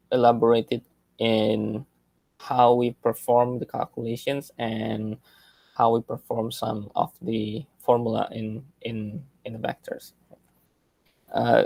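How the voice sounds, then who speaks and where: A man teaching a class over a video call, explaining slowly with hesitations and checking in with his listeners. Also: mid-range voice, creaky, darkish tone, no echo. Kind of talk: online class lecture.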